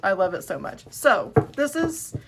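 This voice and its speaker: Very animated yet a little slow, a woman with a creaky, mid-range voice hosts her tarot video against a noisy background. Chatting casually to camera, she rambles with enthusiasm and often restarts sentences to correct herself.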